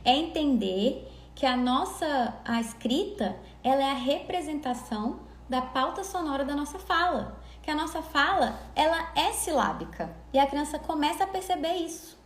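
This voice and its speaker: A woman teaching literacy in a live online lesson, explaining patiently and sounding words out slowly syllable by syllable. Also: high voice, lively intonation, a little hiss or hum. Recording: echoey room.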